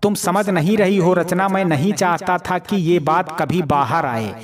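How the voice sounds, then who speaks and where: A man's voice: sits high, a little slow, crowd noise. A man voicing Samar, a young man who is brotherly with his friend and angry with his wife, read plainly in a storybook reading. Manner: says "my brother" often.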